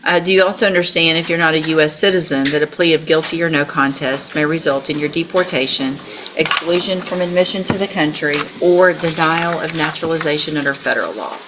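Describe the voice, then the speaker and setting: A woman's voice: low voice, brisk. An American woman speaking as a judge in formal courtroom proceedings, explaining procedure step by step. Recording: noisy courtroom audio with clicks.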